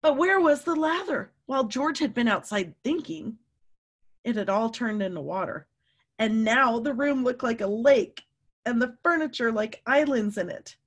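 At home, a woman in her fifties reads to small children, drawing out words for lively emphasis and putting questions to them. Her pitch is on the high side.

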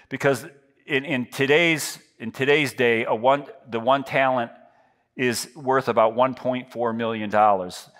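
A man in his fifties, a pastor, speaks in a mid-range, fairly bright voice while preaching on a large church stage with a lit backdrop. Using a headset mic, he rambles loosely, jokes at his own expense, and restarts frequently.

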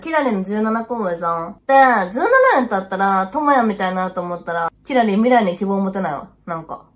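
A woman's voice: medium pitch, brisk, lightly acted. A woman playing a blunt, teasing young woman who used to chase host clubs, in a comedy sketch. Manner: blunt, teasing, casual slangy talk.

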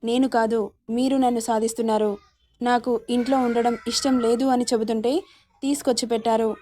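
A woman's voice: fairly high pitch, little pitch movement, brisk, warm tone, slight background noise, natural voice. A woman voicing a hurt, fiery young wife who speaks in a pleading, reproachful way. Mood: upset.

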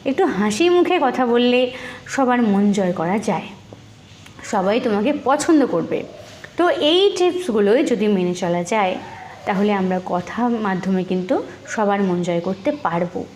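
A woman's voice: medium pitch, animated, a little slow, darkish tone, a little hiss or hum. A woman making a motivational video, counting off tips and asking the listener to agree. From Bengal. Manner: instructive, counts off points, asks "right?". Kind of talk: motivational talk to camera.

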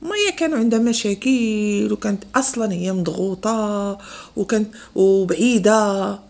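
A woman's voice: medium pitch, moderate pace, gravelly, a little mellow. A woman with a Moroccan accent delivering a heated opinion monologue as an online commentator, indignant and repeating phrases for emphasis.

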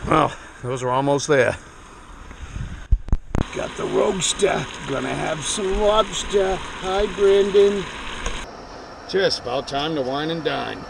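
A man, chatting slowly to the camera while cooking on a rocky seashore. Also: a little high, gravelly. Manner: slow, relaxed, talking to the camera while cooking. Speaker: outdoor vlogger. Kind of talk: casual outdoor cooking vlog. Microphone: action camera on a tripod. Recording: loud outdoor background noise.

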